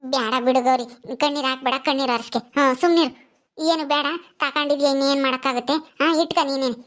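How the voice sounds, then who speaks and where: A woman voicing a kind, motherly village sister-in-law who soothes softly. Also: sits high, steady tone, quick pace, pitched below the performer's own voice, close to an everyday voice. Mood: soothing. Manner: soft, soothing, coaxing.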